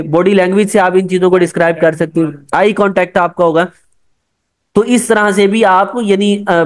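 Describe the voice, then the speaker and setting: A man giving an explanatory safety lecture, working through points step by step and mixing English technical terms into his talk. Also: sits high. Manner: checks in with frequent "alright". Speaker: safety course instructor.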